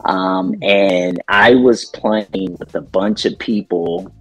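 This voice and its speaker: A middle-aged man talking casually in an interview about his radio work, relaxed and rambling, with plenty of ums. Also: low-pitched, slow pace, soft background music. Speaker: DJ and radio station owner.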